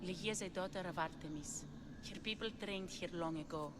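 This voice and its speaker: In a video game, an actress voices a lovesick, desperate ancient Greek woman searching for her lover, pleading earnestly as she explains. Her voice is on the low side and fairly quick, lightly acted, with background noise and music playing behind the dialogue.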